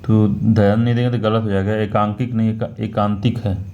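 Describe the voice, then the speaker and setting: Man exam tutor, low mellow voice, repeats words and corrects himself, dull lo-fi recording. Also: flat delivery, a little hiss or hum. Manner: slow and repetitive, correcting himself. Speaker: exam prep teacher. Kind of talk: talking through a Hindi test question by question.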